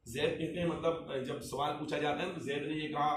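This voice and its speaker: A man's voice: a little high, fairly even intonation, fairly quick, slight background noise. A man, an Islamic cleric, explaining a religious point in an emphatic, rhetorical way, putting repeated questions to a listener. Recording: echoey room, distant mic, faint ambience.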